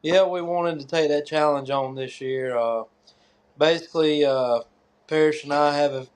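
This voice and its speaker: A man from North Carolina with a Southern US accent, answering interview questions casually and haltingly as a competitor. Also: fairly high pitch, fairly even intonation. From North Carolina, USA. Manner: hesitant, halting. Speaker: tractor pull competitor and track organizer.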